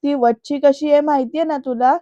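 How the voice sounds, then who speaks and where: A woman voicing a lively, teasing young woman friend who talks in a brisk, emphatic way. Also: sits high, no room sound, dull audio, natural voice.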